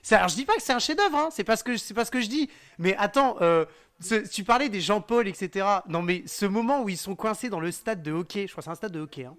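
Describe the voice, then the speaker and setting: This is a man talking casually as a podcast guest. His pitch leaps and swoops with animation, and he laughs often. He defends his opinion with a cheerful, apologetic insistence. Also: lively intonation, fast talker, a bit bright. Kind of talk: casual chat.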